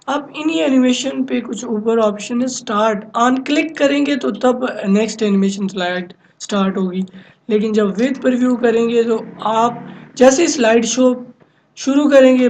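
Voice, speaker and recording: A man teaching a software lesson on a screen recording, explaining each step, often checking with "okay?", and mixing in English technical terms. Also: sits high, rough recording. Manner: mixes many English software terms into his talk. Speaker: computer instructor.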